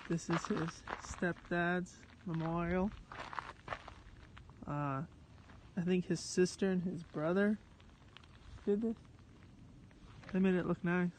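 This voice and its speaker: A woman's voice: lowish voice, steady tone, takes it slowly, long pauses, darkish tone, low-quality recording. A young woman filming a casual home vlog on her phone, talking in a wry, joking, offhand way. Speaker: vlogger. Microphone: phone held by hand. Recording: phone recording with noise.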